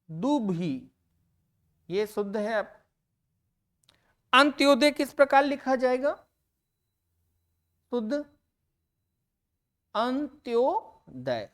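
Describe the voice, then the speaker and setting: A woman teacher giving an exam-prep grammar lesson. She talks slowly and deliberately, repeating and stressing each answer word for her students. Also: a little high.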